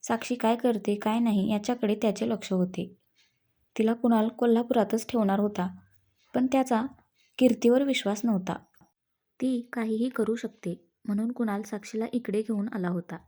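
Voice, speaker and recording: Mellow woman narrating a story. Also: fairly high pitch, steady tone, normal speed.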